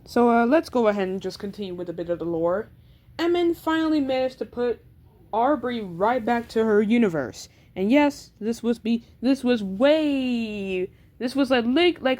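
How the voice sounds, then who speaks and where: A woman's voice: on the high side, darkish tone. A woman casually explaining the backstory of characters she made, stuttering and restarting often with lots of filler words. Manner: rambling, filler-heavy delivery. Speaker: creator explaining her character lore. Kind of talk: casual chat.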